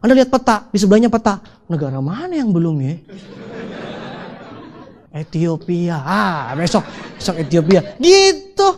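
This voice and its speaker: A man giving an animated motivational seminar talk, joking with the audience and acting out little dialogues in changing voices. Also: high voice, moderate pace, pauses often, background noise. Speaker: motivational speaker.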